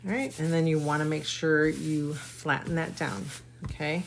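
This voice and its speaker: A woman's voice: low-pitched, flat delivery, a little slow, creaky, slight background noise. A woman giving a chatty, folksy live craft tutorial and talking to her viewers as she works. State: hiccuping. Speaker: craft demonstrator.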